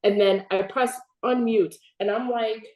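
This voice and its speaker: A teenage girl hosting a casual interview, telling stories in an animated way and laughing often. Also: a little high, unhurried, roomy sound, dull audio. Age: teens. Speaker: host. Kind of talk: casual chat.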